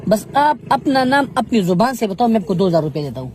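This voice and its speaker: A man's voice: high voice, big pitch swings, fast talker, very noisy. A man confronting someone on the street, swinging between pleading and scolding. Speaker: street questioner confronting a beggar.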